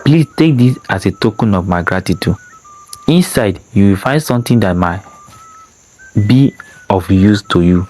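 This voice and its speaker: A man reading a gentle, soft-spoken stranger. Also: on the low side, lively intonation, normal speed, long pauses. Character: soft-spoken tall male stranger, a trader.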